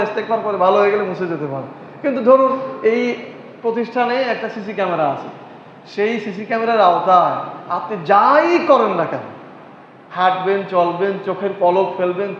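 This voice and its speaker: Guy preaching, chants arabic bits, keeps asking the crowd stuff, really echoey big hall, bit of hiss. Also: high voice. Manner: repeats key phrases, asks the audience rhetorical questions; recites Arabic verses and hadith in a slow chant. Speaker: Islamic preacher. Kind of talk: sermon. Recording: echoey hall, dull lo-fi sound, faint noise.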